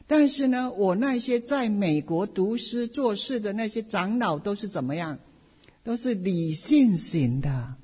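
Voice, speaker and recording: A middle-aged woman pastor giving a personal testimony sermon, telling her story in an animated way with playful asides. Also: medium pitch, unhurried, husky. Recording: long hall reverb.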